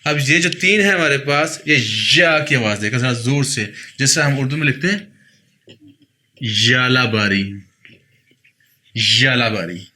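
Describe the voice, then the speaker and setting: Bright-voiced man teaching sounds. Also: on the high side. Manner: patient, repeats each sound slowly for the learner. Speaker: pronunciation teacher. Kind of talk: explaining a lesson.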